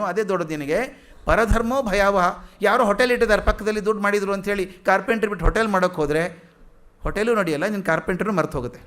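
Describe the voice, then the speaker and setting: A man with a fairly high voice lectures in a hall. He recites verses slowly, then unpacks them in plain conversational talk, posing questions to his listeners and answering them himself. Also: fairly bright tone. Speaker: lecturer on philosophy. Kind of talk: public lecture explaining verses.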